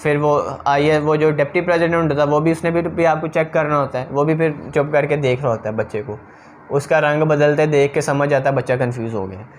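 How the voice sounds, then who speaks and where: A man coaching interview candidates, talking straight to his viewers in a direct, advising way. His voice sits on the higher side for a man. A faint hum of noise runs under the recording. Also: fairly quick. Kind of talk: instructional talk to camera.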